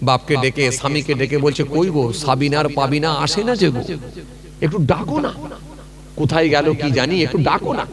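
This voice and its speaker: A man telling a folk story in a sermon at an outdoor gathering, often asking the crowd whether they follow. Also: on the high side. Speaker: preacher. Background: crowd noise.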